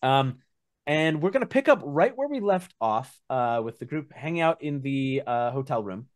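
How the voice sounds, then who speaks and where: Rambling game master with a lively pitch. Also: moderate pace, no echo, clean studio sound. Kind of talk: casual narrated recap of a tabletop game.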